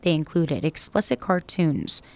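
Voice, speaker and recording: Low-voiced woman news reporter. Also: lively intonation, unhurried, darkish tone, no room sound. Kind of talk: scripted news report narration.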